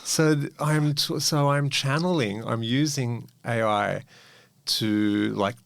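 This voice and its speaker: A man co-hosting a podcast in casual chat, rambling and animated, swearing freely. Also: mid-range voice, slow, vocal fry, no room sound. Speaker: podcast co-host.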